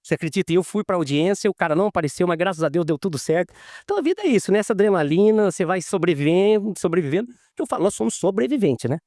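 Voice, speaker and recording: A man's voice: high-pitched, very fast, no room sound, studio quality. A man, a lawyer being interviewed, telling stories casually and acting out the dialogue as he goes. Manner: animated, acts out quoted dialogue.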